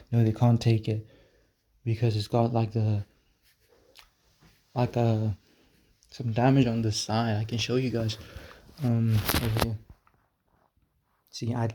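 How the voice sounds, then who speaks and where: Slow, mellow-voiced man telling a rambling story. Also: fairly low pitch. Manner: rambling, halting, repeats words; irreverent, swears casually. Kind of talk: casual storytelling vlog.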